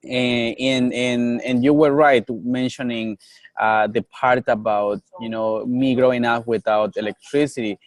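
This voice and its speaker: In a clean recording with no echo, a young Colombian man talks in a measured, mid-range voice with fairly level intonation. His first language is Nasa, and as a coffee business owner and guest in a relaxed interview, he speaks sincerely, repeating words while he hunts for the right ones.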